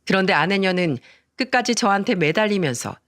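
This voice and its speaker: A man's voice: sits high, very animated, brisk, a bit bright, dry recording, studio quality. A man narrating a dramatic first-person story with an indignant, emphatic delivery.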